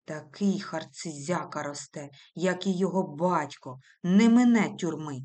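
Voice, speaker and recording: A woman voicing a mocking, spiteful middle-aged village aunt in a storybook reading, sugary and sharp. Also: deep voice, a little slow, pitched below the performer's own voice.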